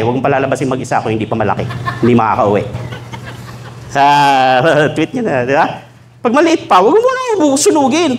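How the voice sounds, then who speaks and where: A man preaching in a church hall, his voice sitting a little higher than most men's. He moves easily between teaching and playful asides, acting out short conversations. Faint room noise is heard behind him. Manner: humorous, acts out dialogues in shifted voices. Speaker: pastor. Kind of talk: sermon.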